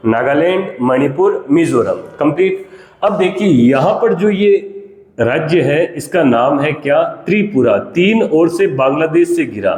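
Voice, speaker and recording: A man with a fairly high voice teaches a geography class in Hindi. He fires questions at his students and answers them himself, calling them child. His voice rings with a long reverb in an echoey room. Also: darkish tone. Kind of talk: classroom lesson.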